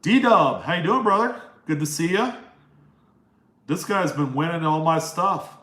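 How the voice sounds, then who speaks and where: This young Maryland man hosts a relaxed live Q&A, answering chat questions and greeting viewers by name in a friendly, rambling way. His nasal voice is fairly high with lively intonation, a little slow, pushed and bright, and the sound is reverberant.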